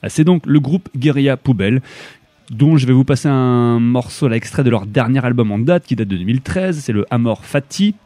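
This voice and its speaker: Young french guy on radio, lots of euh and restarts, mellow voice, dry close sound. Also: mid-range voice, no room sound. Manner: halting, many fillers and restarts. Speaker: radio show host. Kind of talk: casual spoken recollection between tracks.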